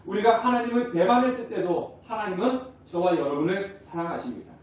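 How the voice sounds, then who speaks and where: A man's voice: high-pitched, a little fast, muffled recording. A male pastor preaching a conversational sermon, asking the congregation questions and acting out family dialogues. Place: church sanctuary. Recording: very echoey hall, distant mic.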